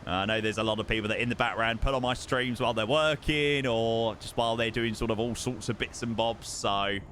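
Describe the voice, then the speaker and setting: British male flight-sim streamer: bright, forward voice, chatty and matey, faint vehicle noise behind. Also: mid-range voice, a little fast. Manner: matey, chatty, repeats words and phrases. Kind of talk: casual livestream chat and flying commentary.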